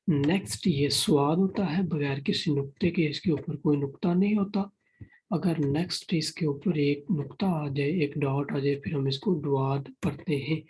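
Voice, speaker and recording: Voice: medium pitch, darkish tone, a little hiss or hum, low-quality recording. A Quran reading teacher giving a beginner alphabet lesson, patiently repeating each point and mixing in English words.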